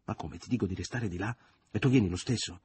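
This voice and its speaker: A man reading aloud, voicing a brutal domineering man who shouts with barely held-back fury. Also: lowish voice, quick pace, slightly rough. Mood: angry. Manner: loud, forceful, barely restrained anger.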